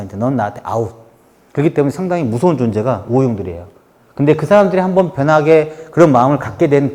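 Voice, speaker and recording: A man with a somewhat high voice gives a workshop lecture, his pitch swinging widely as he acts out quoted remarks. The sound carries a long reverb from a large lecture hall. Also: a little mellow. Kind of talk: lecture on workplace communication.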